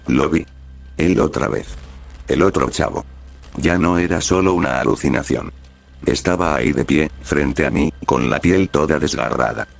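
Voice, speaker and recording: A synthetic male text-to-speech voice narrating a horror story in flat, clipped sentences. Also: very deep voice, gravelly.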